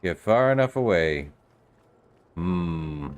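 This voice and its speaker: Casting: male let's-play streamer, low register, offhand self-directed commentary. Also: expressive, measured pace, dull audio. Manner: offhand, muttering reactions to self. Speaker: game streamer.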